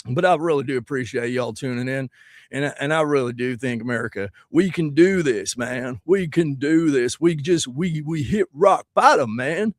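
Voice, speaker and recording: A musician rants to camera about politics while plugging his song, loud, crude and preachy and swearing constantly. His medium-pitched voice is a little scratchy from singing, and he talks at a normal speed. The recording is clean studio sound with no echo.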